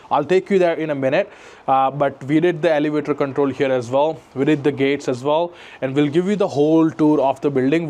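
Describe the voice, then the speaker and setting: Moving through a residential building from lobby to parkade, a man acting as an installer walks viewers through a casual, explanatory demo. His voice sits on the high side and is a little mellow, and he frequently ends lines with a quick "right?"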